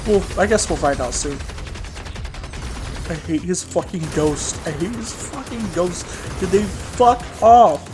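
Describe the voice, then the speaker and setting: A man's voice: high-pitched, unhurried. A man giving casual, rambling let's play commentary in informal, sweary language. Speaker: gamer commentating a playthrough. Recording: voice-over with game music and gunfire. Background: game music and gunfire.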